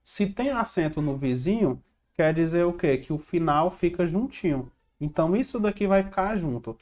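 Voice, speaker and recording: A man's voice: on the high side, expressive, normal speed, a little mellow. A man teaching an online exam-prep grammar lesson, talking over slides. He asks the viewer a question, then answers it himself. He drills catchy rhymes again and again. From Brazil.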